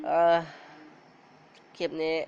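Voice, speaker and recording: A man with a cold, short of breath, giving excitable casual commentary on his game as the video's host. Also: high-pitched, slow. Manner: excitable, frequent startled exclamations. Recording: dull lo-fi recording with clear background music.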